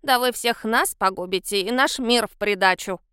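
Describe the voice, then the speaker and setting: A woman's voice: a little high, moderate pace, bright, forceful tone, clean tone, no echo, studio quality. A woman voicing a reproachful old woman in an audiobook. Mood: scolding. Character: scolding old woman, finger-wagging.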